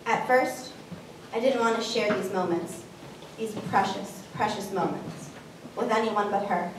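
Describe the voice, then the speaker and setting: A woman reading a reflective personal piece aloud, softening on tender phrases. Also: medium pitch, unhurried. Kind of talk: reflective spoken narration. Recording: very echoey room, distant mic, faint noise.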